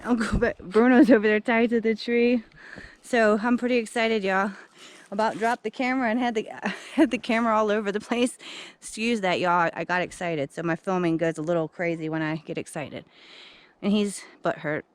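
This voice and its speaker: Woman, casual vlog, excitable, chatty, outdoors, handheld camera, mid-range voice. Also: medium pitch, normal speed. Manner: excitable, chatty, addresses viewers directly. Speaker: vlogger. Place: outdoors at a dig site.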